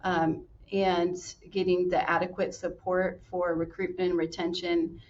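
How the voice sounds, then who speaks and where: A woman's voice: fairly low pitch, flat delivery, a little slow, darkish tone. A woman university administrator answering interview questions, recorded from a distance with a dull, slightly noisy sound.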